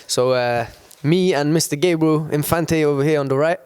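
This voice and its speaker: Hesitant man, smooth voice. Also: on the high side, darkish tone. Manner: hesitant, halting, many restarts. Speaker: crew member guest. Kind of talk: casual storytelling. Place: small DIY studio.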